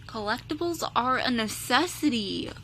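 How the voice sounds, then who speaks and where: Reacting to a video, this young vlogger speaks a little slowly in a fairly high voice. Her talk is chatty and wandering, full of "like" and "um" fillers, over a constant background hum.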